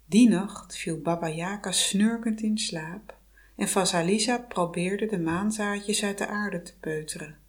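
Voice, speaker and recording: A woman reading a fairy tale aloud as a storyteller, in an expressive way. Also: medium pitch, measured pace.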